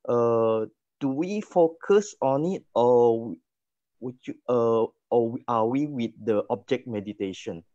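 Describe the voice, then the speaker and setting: A man's voice: medium pitch, slow, warm tone, no room sound. Man on a shaky, dull online call. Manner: hesitant, searching for words. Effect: unstable online call connection. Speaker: meditation student asking questions. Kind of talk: question in an online meditation class. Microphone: video call. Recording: dull, dry lo-fi video call audio.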